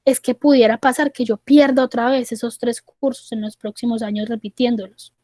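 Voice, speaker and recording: A woman's voice: on the high side, steady tone, moderate pace, mellow, no room sound, studio quality, natural voice. Woman quoting an anxious young man catastrophizing. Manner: insistent, repeating the worst-case fear.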